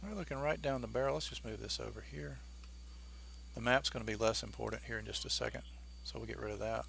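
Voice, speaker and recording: A man streams a flight simulator, talking through each step in an informal, think-aloud way. His voice is mid-pitched with a noticeable creak. A light hum sits behind his commentary. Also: quick pace, fairly bright tone.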